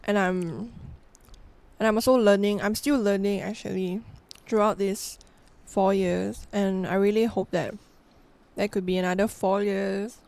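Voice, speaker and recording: A woman, a soft-spoken, giggly guest in a casual podcast chat. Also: medium pitch, steady tone, unhurried, vocal fry. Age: 20s.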